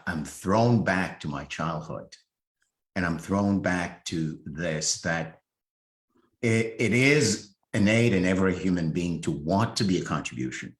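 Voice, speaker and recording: A man from Haiti, a coach invited as a guest, telling a childhood story in a slow, reflective way with restarts. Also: low-pitched, reverberant. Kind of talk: conversational storytelling.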